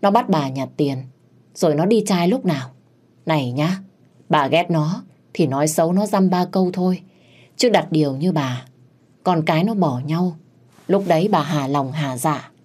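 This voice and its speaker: A woman voicing a sensible older village husband who scolds his wife in a measured way. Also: low-pitched, a little mellow. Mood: reproachful. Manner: reproachful, measured.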